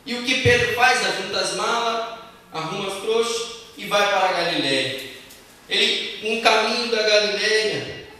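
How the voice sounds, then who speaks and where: A man preaching a sermon in a church hall, telling the story with animated acted-out lines. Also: high-pitched, normal speed, far from the mic. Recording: echoey hall, mic from afar.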